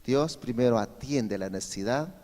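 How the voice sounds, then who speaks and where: Pastor preaching in a reverberant hall. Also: male voice, medium pitch, lively intonation, moderate pace, dark tone. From Peru. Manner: asks the congregation frequent rhetorical questions. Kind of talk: Sunday sermon. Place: church hall.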